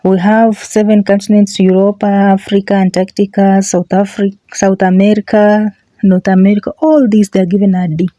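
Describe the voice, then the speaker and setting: A woman's voice: mid-range voice, flat delivery, moderate pace, mellow, dry recording. A woman giving an online language lesson as a teacher, repeating example words and often checking in with a short question. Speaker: teacher, video host.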